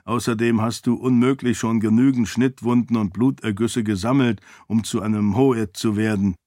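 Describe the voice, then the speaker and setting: Galadon, a man doing a calm sceptical friend. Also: lowish voice, normal speed, no echo, studio quality, lightly acted. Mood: explaining.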